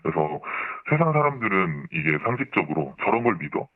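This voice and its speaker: A man with a digitally disguised deep voice, answering a radio interview anonymously in a polite, formal, explanatory way. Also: big pitch swings, fairly quick. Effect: voice disguised, pitched down by modulation. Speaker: anonymous interviewee, former member of a religious group. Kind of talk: radio news interview testimony. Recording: muffled band-limited sound, roomy echo.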